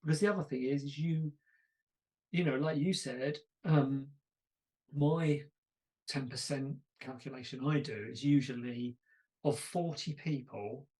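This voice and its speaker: A man hosting a podcast in relaxed, chatty conversation. He tells stories with self-deprecating asides and a mid-range voice. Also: mid-range voice. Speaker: podcast host. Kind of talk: casual conversation.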